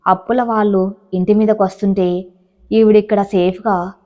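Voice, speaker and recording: A woman narrator takes the part of an angry, wronged middle-aged husband. He speaks with loud, sarcastic accusation. The recording is dull and lo-fi. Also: medium pitch, flat delivery, normal speed, natural voice. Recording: dull lo-fi audio.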